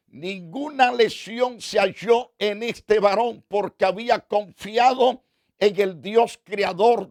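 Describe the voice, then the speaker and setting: A man pastor retelling a scripture story as a sermon, slow and deliberate, repeating phrases for emphasis. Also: high-pitched, no room sound, studio quality.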